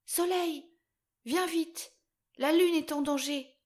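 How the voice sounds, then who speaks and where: A woman's voice: expressive, takes it slowly. A woman voicing an earnest, worried little girl in a read storybook. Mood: pleading. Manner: pleading, high child's cries.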